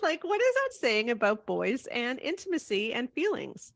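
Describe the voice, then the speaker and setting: Lively high-pitched woman in discussion. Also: normal speed, vocal fry, no echo, studio quality. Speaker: discussion panelist. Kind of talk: conversational discussion.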